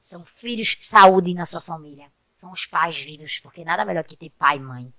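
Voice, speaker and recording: A woman, speaking as a podcast guest in a bright, clear voice. She tells personal stories with open feeling and often turns to address the listeners directly. The sound is close and dry. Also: on the low side, normal speed, no echo. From Pernambuco, Brazil. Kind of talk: casual interview chat.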